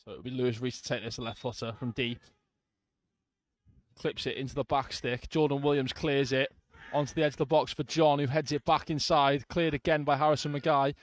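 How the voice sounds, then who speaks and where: A man's voice: a little high, dry recording. Man calling football from the stands. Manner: calm play-by-play with brief asides to listeners. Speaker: football radio commentator. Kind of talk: live football commentary.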